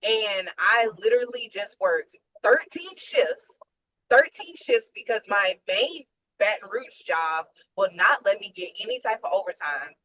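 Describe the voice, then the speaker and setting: Female caller, weary and blunt, bright voice, video-call audio. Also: medium pitch, animated, unhurried, lo-fi sound. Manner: tired, frank, emphatic. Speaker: nurse and webinar attendee. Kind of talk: casual venting on a video call.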